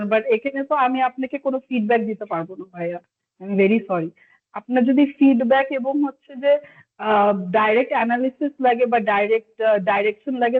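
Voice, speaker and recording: A high-voiced woman from Bangladesh leads an online exam-prep class, explaining patiently and apologizing when she must say no. Her voice comes through a thin, phone-like call line. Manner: polite, apologetic, explains step by step, mixes in English. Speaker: PTE instructor. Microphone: video call.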